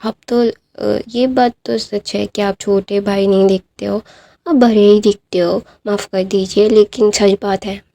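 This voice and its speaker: A woman's voice: mid-range voice, fairly even intonation, unhurried, creaky, dark tone. A woman voicing a talkative, blunt little boy in a retold storybook tale. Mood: teasing. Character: chatty cheeky little boy.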